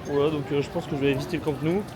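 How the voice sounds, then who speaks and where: This travel vlogger's voice sits a little high and moves very fast with fairly level intonation. He's chatty, slangy and self-mocking, filling gaps with frequent fillers as he roams mostly outdoors through busy, sunlit city streets. His small handheld gimbal camera mic picks up the street noise.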